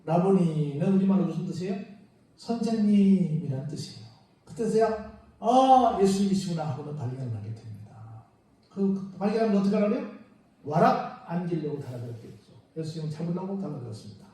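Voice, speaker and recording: High-voiced pastor in an echoey church. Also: male voice, lively intonation, fairly quick, mellow. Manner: storytelling, acting out the disciples and Mary in quoted speech; asks the congregation frequent rhetorical questions. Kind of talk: sermon. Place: church sanctuary. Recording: very echoey church room, mic at a distance.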